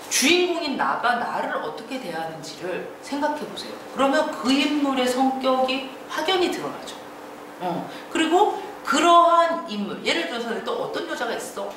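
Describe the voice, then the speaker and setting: Lively woman lecturing in an echoey room. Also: sits high. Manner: animated, acts out quoted lines, laughs often. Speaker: novel-writing lecturer. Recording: echoey room from far off, faint noise.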